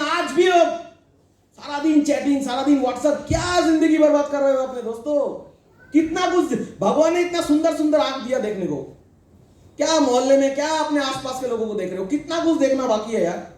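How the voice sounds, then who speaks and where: A man's voice: extremely high pitch, a little mellow, far from the mic. A middle-aged man giving a preachy motivational talk to a team, often quizzing the crowd and cracking jokes. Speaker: motivational speaker addressing a sales team. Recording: very echoey hall.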